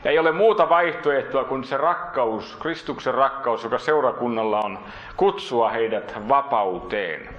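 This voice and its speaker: Guy preaching in an echoey church, bright clear voice, rises up then sinks low and slow. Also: animated, muffled recording. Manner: earnest preaching, rising for emphasis then dropping low and slow. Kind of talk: sermon.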